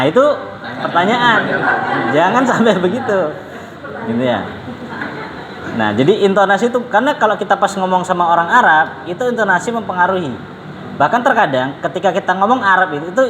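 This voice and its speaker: Man, Arabic teacher, patient classroom drilling, slightly high voice, echoey room. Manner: patient, repeats drills slowly, drawn-out question intonation. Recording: echoey room with faint background noise.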